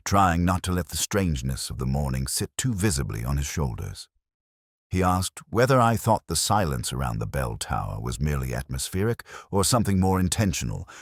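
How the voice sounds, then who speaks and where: In a very deep, husky voice, a man tells a literary detective tale in the first person with a measured, brooding formality. The recording is dry, with clean studio sound.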